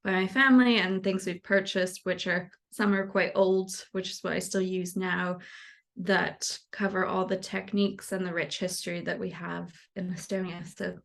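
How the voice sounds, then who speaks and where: A young American woman who designs knitwear talks casually in an interview, relaxed and rambling with frequent fillers and light laughs. Her voice is lowish, with vocal fry, at a moderate pace.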